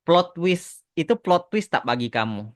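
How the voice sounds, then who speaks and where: An Indonesian man who hosts a podcast and writes about animation answers questions in a casual Q&A. His voice is on the high side, sing-song, and a little slow, and he repeats words for emphasis while slipping English phrases into his explanations.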